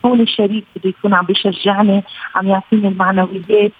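A woman with a Lebanese accent, a psychoanalyst and family counselor, calmly explaining her points over a low-quality remote audio stream. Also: very fast, breathy edge. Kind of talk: explanatory interview answers. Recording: tinny phone-like remote line.

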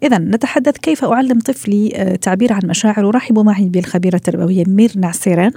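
A woman hosting a radio talk show, speaking quickly and warmly affirming her guests with short interjections. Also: mid-range voice, breathy edge, dry recording, clean studio sound.

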